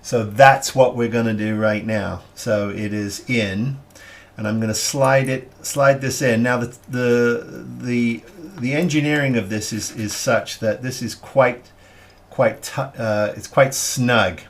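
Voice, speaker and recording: Slow, halting man explaining a model build. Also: mid-range voice, fairly even intonation. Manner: unhurried, halting, thinking aloud with many fillers. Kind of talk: hobby build tutorial.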